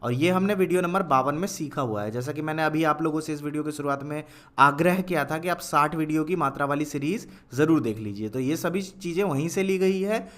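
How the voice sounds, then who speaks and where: A young man teaching Hindi spelling, dictating each word slowly, repeating it and quizzing the listener. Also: fairly high pitch, fairly bright tone. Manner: dictates words slowly, repeats each, asks "kya hai?". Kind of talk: slow dictation lesson.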